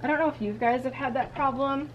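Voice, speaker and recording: In a small walk-in closet, a young woman chats candidly to a tripod-mounted camera a few feet off, doing a casual clean-out vlog packed with "like" and "you know." Her voice is high and quick with a steady tone. The recording has its highs cut off and carries slight background noise.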